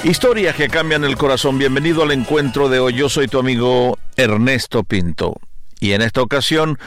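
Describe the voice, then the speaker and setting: A man's voice: mid-range voice, moderate pace, music in the background. A man who is a pastor and family counselor, hosting an interview and giving parents earnest advice.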